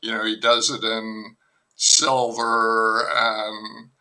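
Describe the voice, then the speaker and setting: Speaking very slowly in a lowish voice, an older novelist rambles with wry humor as a guest in a casual podcast chat, using lots of fillers and restarting sentences. The recording is of low quality.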